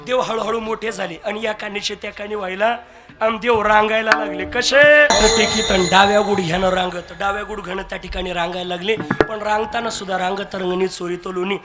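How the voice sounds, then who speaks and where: A man's voice: high-pitched, flat delivery, a little fast. A man preaching a devotional kirtan, telling stories with humor, acting out dialogue and asking the crowd for agreement. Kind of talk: devotional kirtan sermon with storytelling.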